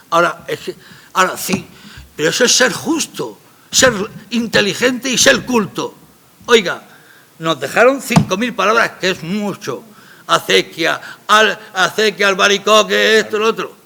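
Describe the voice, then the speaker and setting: A man's voice: sits high, gravelly, sharp tone, a little hiss or hum. A man, a playwright talking about his play in a radio interview, emphatic and rambling in a colloquial way.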